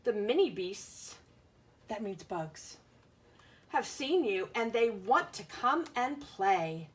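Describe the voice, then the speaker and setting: A schoolteacher reads a picture book aloud to her pupils, speaking slowly with a medium-pitched, very animated voice. She explains things in simple terms and asks the young children questions.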